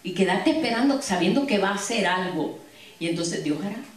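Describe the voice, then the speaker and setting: A woman preaches a sermon and tells stories to her congregation in a church hall, frequently breaking into asides. Her mid-range voice has lively intonation and runs a little fast. The mic is distant in an echoey hall, with slight background noise.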